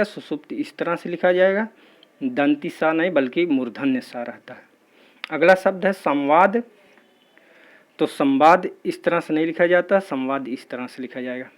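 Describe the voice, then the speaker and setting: A man leads an exam-prep spelling lesson, going through each word in a steady, patient rhythm. His voice sits a little high for a man, and he drills the class in a methodical, even way. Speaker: teacher.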